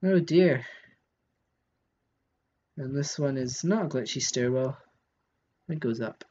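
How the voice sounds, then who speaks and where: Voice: medium pitch, takes it slowly, mellow, husky, lo-fi sound. A live streamer giving casual commentary while playing a game, thinking aloud and answering chat.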